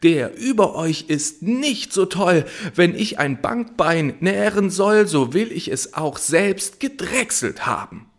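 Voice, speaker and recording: A man voicing an indignant hidden apple thief who shouts mockingly. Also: expressive, slow pace, few pauses, exaggerated voice. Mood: indignant shouting. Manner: shouting, raised pitch.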